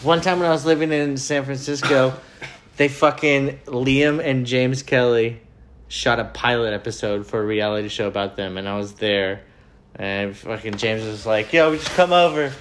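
A man's voice: medium pitch, steady tone, normal speed, a bit bright, slight background noise. A man hosting a casual podcast chat with profane, laid-back frat-bro slang. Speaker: podcast host.

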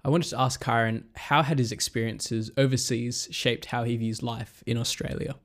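A male podcast host reads scripted narration at a mid pitch. He explains things in a steady, measured manner.

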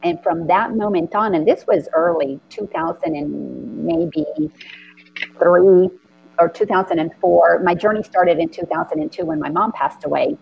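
A middle-aged woman from the Dominican Republic, hosting a spiritual conversation and telling her story with earnest, animated feeling. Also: on the low side, moderate pace, gravelly, dull audio, a little hiss or hum.

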